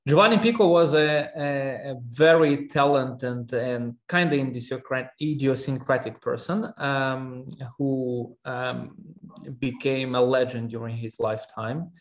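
A man from Armenia, a historian guest in an interview, speaking haltingly with many fillers and restarts. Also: medium pitch. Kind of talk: academic interview.

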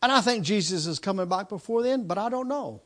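Speaking a little fast and with animation, a man in his fifties gives a sermon in a notably high voice. This pastor leans on repetition, looping back to phrases and restarting sentences as he goes.

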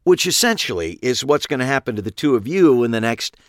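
For an audiobook, a male narrator voices a smug, menacing killer who taunts and lectures his captives, clearly enjoying explaining himself. The mid-range delivery is sing-song, a little fast and natural-sounding, pitched above his own voice, in a dry, clean studio recording.

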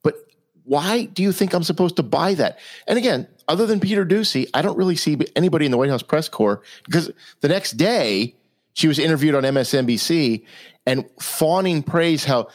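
Man, political talk co-host, lively swooping pitch, slightly high voice, incredulous. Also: fairly quick. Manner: incredulous, animated, rising to high exclamations. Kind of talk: political talk show banter.

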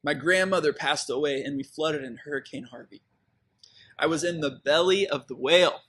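A man's voice: on the high side, moderate pace, a bit bright. A man, preaching a sermon in a conversational, reflective way with fillers and restarts. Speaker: pastor.

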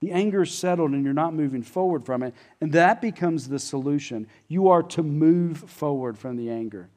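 A man's voice: on the high side, moderate pace, darkish tone. A pastor preaching a sermon in an earnest, conversational way, often restarting his phrases.

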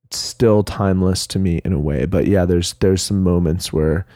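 A man's voice: low voice, fairly even intonation, normal speed, warm tone, dry recording, studio quality. A man with a nasal voice chatting casually over a remote call, rambling with fillers and restarts. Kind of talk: casual chat.

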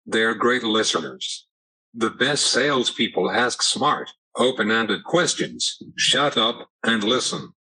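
A synthetic male computer voice giving a scripted, measured, instructional explanation as a podcast guest. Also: fairly low pitch, sharp tone, slightly rough, rough recording. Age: 70s. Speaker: podcast guest, sales trainer.

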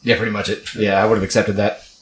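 A man's voice: on the low side, little pitch movement, fast talker, echoey room, noisy background. A man hosting a podcast in casual chat, joking and teasing his friends with lots of swearing. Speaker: podcast host.

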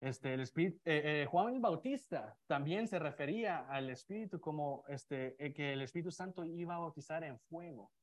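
Speaking at a normal speed with hardly any pauses, a higher-voiced male preacher gives an expository sermon to a church congregation, using slides. He talks conversationally, restarting often, using plenty of fillers and putting questions to his listeners.

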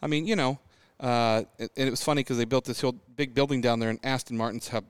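A man co-hosting a car podcast chats in an easygoing way and tells long, animated stories punctuated by frequent laughter. His voice sits at an ordinary middle pitch. The sound is close and dry, with no room echo. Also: fast talker, clear, resonant tone. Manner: animated storyteller who laughs often. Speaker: podcast co-host. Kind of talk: casual chat.

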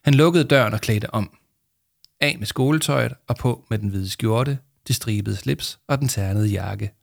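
A man reads a children's storybook aloud in a calm, storytelling manner. His voice sits low and gravelly, with a dry, close sound and no room around it. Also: dry recording. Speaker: narrator. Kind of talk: storybook reading.

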